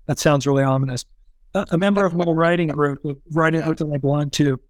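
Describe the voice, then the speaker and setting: A man's voice: a little high, steady tone, quick pace, no room sound. A man recounting shared history in an easygoing, conversational way as the interviewer. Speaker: interviewer, writing group colleague. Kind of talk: conversational recollection.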